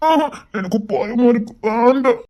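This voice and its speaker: ஒரு பெண் நடிக்கும் பயந்த இளம் மணமகன். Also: female voice, fairly high pitch, animated, normal speed, dark tone, close to an everyday voice. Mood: panicky. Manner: whiny, fearful pleading. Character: timid young male groom, panicky. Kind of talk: comedy web-series acting.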